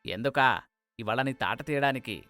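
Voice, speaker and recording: A man voicing an angry, proud older village man who shouts threats in a cartoon story. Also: medium pitch, moderate pace, no echo, faint music behind.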